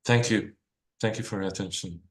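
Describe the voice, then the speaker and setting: A man from Hungary talks through his webinar slides at a brisk, animated clip. His voice sits on the low side. The video call audio carries a noticeable roomy echo. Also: gravelly. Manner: fast, animated and conversational. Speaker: environmental lawyer presenting. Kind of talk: webinar presentation.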